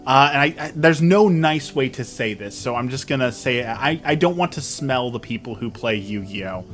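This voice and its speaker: A young man streaming and chatting casually with his viewers, animated and self-mocking as he tells stories. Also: mid-range voice, moderate pace, faint music behind. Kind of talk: casual chat with live chat.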